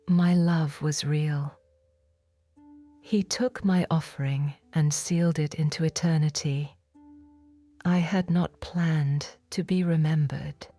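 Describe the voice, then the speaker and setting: A low-voiced woman, recorded with no echo, narrates in audiobook fashion as a repentant, forgiven woman from biblical times. In a whispered role-play, she tells her story in first person, hushed, reverent, and intimate.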